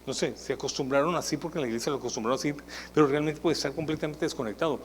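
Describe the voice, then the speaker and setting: A man preaching a sermon as pastor, in a conversational, animated way that acts out the people he quotes. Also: on the high side, very fast, in a large hall, slight background noise, poor audio. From Colombia. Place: church hall.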